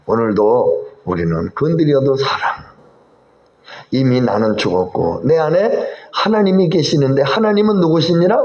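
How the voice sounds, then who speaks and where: A man's voice: fairly high pitch, a little mellow, echoey room, lo-fi sound. A male pastor preaching a sermon in a church sanctuary, speaking animatedly and putting questions to the congregation.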